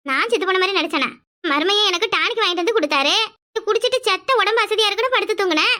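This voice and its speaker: A boozy, sly old village grandmother from a cartoon, voiced by a woman. Her voice sits extremely high and sounds bright and sharp. She talks in a whiny, pleading rustic way. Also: animated, rapid-fire, heavily acted. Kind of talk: cartoon voice acting.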